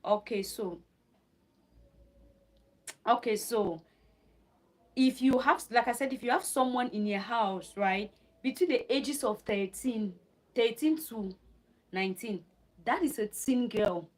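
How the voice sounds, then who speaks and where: A woman from Cameroon hosts a livestream, reading from notes, repeating phrases and pausing to answer viewers' questions. Her voice is a little high with a darkish tone, and she speaks slowly with long pauses.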